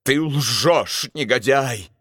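A man voicing a hot-tempered, boastful duke who shouts threats at his cook. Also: mid-range voice, drawn-out words, slightly rough, dry recording, studio quality, heavily acted. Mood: furious.

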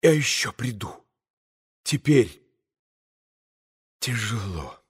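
Male reader doing a self-punishing proud young woman, hushed, near a whisper, slow. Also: medium pitch, sing-song, slightly rough, voice pushed down, full character voice. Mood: anguished. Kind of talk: audiobook character reading.

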